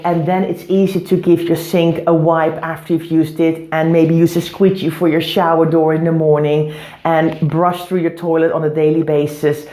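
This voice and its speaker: A woman's voice: low-pitched, dark tone. A woman hosting an instructional home organising vlog, giving tips to camera in an echoing bathroom. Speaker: home organising video host. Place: echoey bathroom, indoors. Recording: echoey bathroom room sound.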